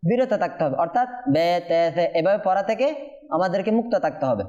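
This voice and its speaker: A man's voice: sits high, sing-song, fast talker, dark tone, highs cut off. A man with a Bangladeshi Bengali accent teaching Quran recitation in class, patiently repeating questions to his students.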